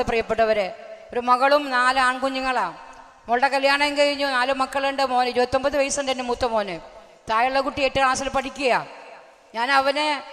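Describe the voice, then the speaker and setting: A woman's voice: high voice, fairly bright tone. A woman, preaching a fervent sermon at a retreat. She often raises her voice and puts questions to the crowd. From Kerala, India. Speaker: lay preacher. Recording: echoey hall recording.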